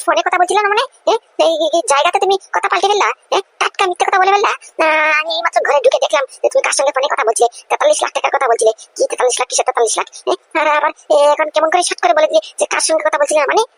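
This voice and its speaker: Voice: high voice, very fast, few pauses, fairly bright tone, no room sound. A performer voicing a brash young man in a cartoon comedy, sharply grilling his aunt about a lie. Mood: indignant. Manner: brash, accusing, repeated "hm?".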